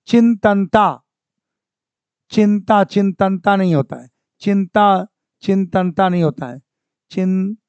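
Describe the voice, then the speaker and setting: Teaching Hindi grammar for an exam-prep class, this man says each word twice over and keeps prompting the class to respond. He has a high-pitched, darkish voice, captured in a dry, dull lo-fi recording.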